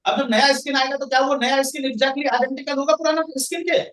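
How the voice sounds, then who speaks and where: A man's voice: very high-pitched, fairly even intonation, quick pace, a bit bright. A male science teacher lecturing a classroom, quizzing students and answering his own questions. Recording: echoey room, voice from far off the mic.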